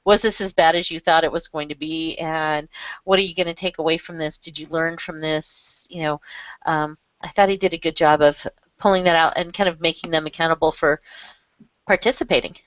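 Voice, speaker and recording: Chatty woman in a group talk, lowish voice, dry, dull lo-fi call audio. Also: fairly even intonation, fairly quick, dry recording. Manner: chatty, laughs often. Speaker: discussion group member. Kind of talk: casual group discussion. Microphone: video call.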